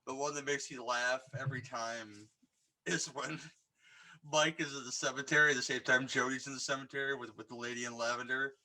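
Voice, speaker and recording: Man, podcast co-host, bright tense voice, enthusiastic, rambling, casual chat. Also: medium pitch, fairly even intonation, fairly quick. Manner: rambling and enthusiastic, many restarts. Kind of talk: casual podcast chat about horror films.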